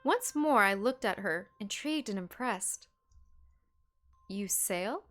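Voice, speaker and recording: A woman's voice: medium pitch, expressive, normal speed, fairly bright tone, soft background music. A woman gaming streamer reading a story game aloud, tripping over long words and laughing at herself. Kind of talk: reading a visual novel aloud with asides.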